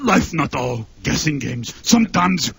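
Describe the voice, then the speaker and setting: A man voicing a silly, earnest cookie-loving monster with a growly, raspy voice and slow broken grammar. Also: a little high, sing-song, a bit bright, dry recording, full character voice. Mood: wheedling, earnest.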